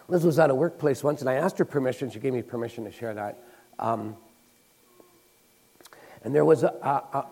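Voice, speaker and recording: A man's voice: mid-range voice, mellow, low-quality recording. Folksy storytelling male preacher. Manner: storytelling, acting out quoted people; folksy, with fillers and restarts. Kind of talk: conversational sermon.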